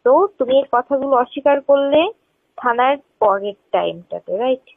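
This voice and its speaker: This caller is a woman with a high-pitched, gravelly, animated voice at normal speed, recorded with no echo over a tinny narrowband phone connection. Her tone is combative as she keeps pushing with repeated questions.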